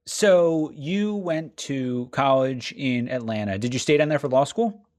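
A man in his thirties hosting a podcast, asking questions in a chatty, teasing way with quick joking asides. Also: medium pitch, darkish tone. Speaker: podcast host. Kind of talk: casual joking interview.

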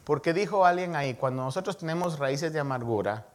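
Older male pastor, sermon, animated, lively pitch, slightly high voice. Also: fairly quick. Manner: lively preaching, acting out quoted dialogue, rising to emphatic peaks.

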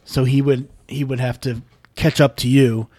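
A man's voice: medium pitch, level tone, a little mellow, no echo, studio quality. A man hosting a casual podcast chat, teasing his friends and firing off questions. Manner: joking, teasing, quick questions.

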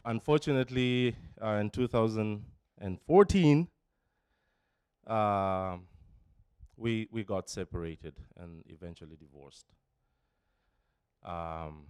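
In church, a Kenyan man in his forties gives an emotional personal testimony into a handheld microphone, faltering with fillers, pauses, and restarts. His very low voice is smooth, resonant, and darkish, captured close and dry.

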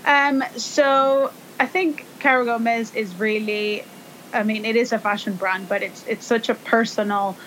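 A woman's voice: on the high side, steady tone, measured pace, fairly bright tone, slight background noise, poor audio. A woman from El Salvador in her thirties, a fashion designer guest speaking in a thoughtful, hesitant way with many fillers. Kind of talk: casual interview talk.

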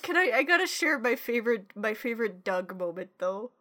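A woman co-hosting a podcast, rambling through casual chat with plenty of restarts and loose swearing. Her voice is bright and lively, with a somewhat high pitch. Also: a little fast. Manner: rambling, full of fillers and restarts, swears freely. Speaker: podcast co-host.

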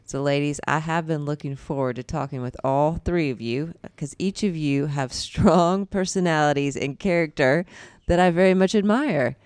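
A woman's voice: sits low, moderate pace, a little mellow, smooth, no echo. A woman hosting a faith podcast, introducing guests in casual chat and laughing often. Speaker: podcast host.

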